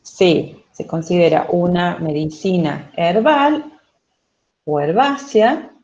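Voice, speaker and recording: A woman's voice: fairly low pitch, a little mellow, dull audio, slight background noise. A Spanish-speaking woman teaching English in an online class, explaining patiently and checking in with her students. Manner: slow, patient, asks for checks with "¿sí?" and "¿ok?".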